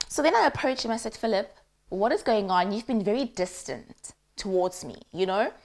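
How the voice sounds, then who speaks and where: Woman, young adult, South African accent, cooking vlogger, casual storytelling, animated, slips into isiZulu. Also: medium pitch, moderate pace. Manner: animated, acts out quoted voices, mixes in isiZulu.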